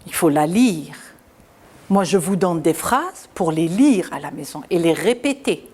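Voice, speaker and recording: A woman teaching young children to read, articulating each syllable slowly and clearly, repeating words, and encouraging them. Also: fairly low pitch, expressive. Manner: encouraging, addressing children warmly. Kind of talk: school reading lesson for children.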